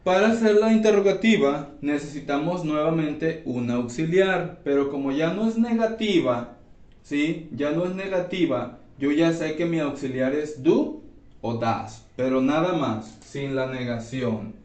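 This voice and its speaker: A man teaching an English grammar class, explaining slowly and checking in with his students often. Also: fairly high pitch, animated, darkish tone. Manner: slow, repeats and checks with "¿sí?". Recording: echoey room, voice from far off.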